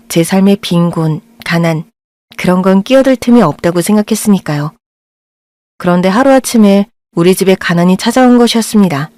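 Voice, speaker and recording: A woman's voice: on the low side, dark tone, dry recording. Reflective woman narrating a story. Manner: reflective, confessional.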